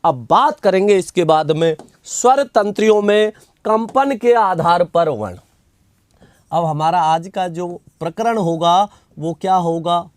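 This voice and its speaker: A man's voice: sits high, expressive, slow pace, dry recording. A man teaching an online grammar class, asking questions and answering them himself, repeating key terms and reading out viewer comments. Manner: reads out viewer comments and replies.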